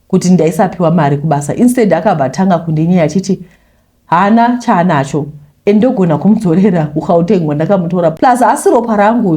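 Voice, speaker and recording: A YouTuber with a Zimbabwean accent reads a listener's confession, telling it as a conversational first-person story and mixing in English phrases. Her voice is lowish and mellow.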